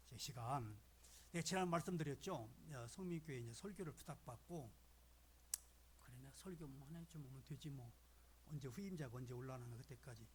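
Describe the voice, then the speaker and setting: Animated older man preaching. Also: sits high, slight background noise. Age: 70s. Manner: folksy, animated preaching with dramatic drops to a hushed voice. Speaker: retired guest pastor. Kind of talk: sermon. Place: church sanctuary.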